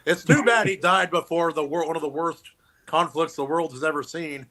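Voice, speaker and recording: A man's voice: a little high, normal speed, crowd noise. A man in a casual group discussion who speaks hesitantly and often restarts his sentences. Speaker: panelist.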